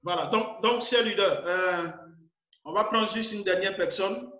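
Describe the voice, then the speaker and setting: Over muffled, echoey video call sound, an Ivorian French-accented man leads an online meeting and keeps pushing the members, frequently repeating himself. He speaks a little slowly in a high, pushed, bright voice.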